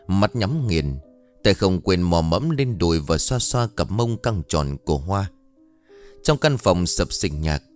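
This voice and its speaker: A man narrating a dark story in a dramatic, lively storytelling manner. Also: low-pitched.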